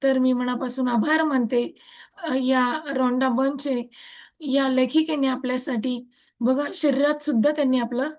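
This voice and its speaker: Marathi lady leading gratitude practice on a video call, high voice, earnest, chanting thanks over and over. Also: fairly even intonation, moderate pace, a little mellow. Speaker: gratitude practice group leader. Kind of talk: guided reading and affirmations. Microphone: laptop mic on a video call.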